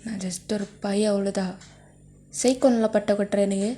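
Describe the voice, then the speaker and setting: A woman's voice: medium pitch, fairly even intonation, moderate pace, dark tone, soft background music, close to an everyday voice. A woman voicing a possessive, jealous young husband who pleads and threatens, in a fanfic story reading. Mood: pleading. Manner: intense, pleading then menacing.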